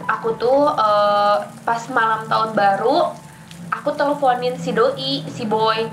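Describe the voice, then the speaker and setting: A woman's voice: on the high side, slow pace, roomy sound. A young woman, telling a story casually as a podcast guest and acting out the dialogue. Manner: animated, acts out dialogue in raised voices.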